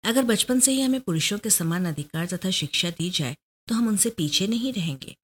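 A woman's voice: mid-range voice, expressive, slightly rough. A woman voicing a proud, determined young woman detective who pleads her case earnestly.

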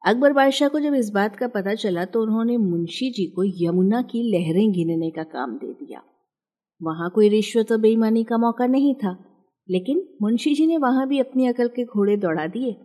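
A woman narrating a scripted storybook in a measured, clear storytelling manner. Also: a little high, animated, mellow.

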